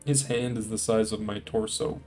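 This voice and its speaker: A man's voice: lowish voice, level tone, normal speed, darkish tone, faint music behind. A man streaming a video game with casual live commentary and reactions.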